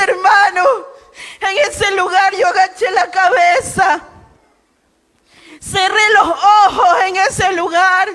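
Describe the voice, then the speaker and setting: Fervent woman shouting her testimony slowly. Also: extremely high pitch. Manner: shouting, fervent, tearful pleading. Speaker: testimony preacher. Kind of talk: impassioned spoken testimony.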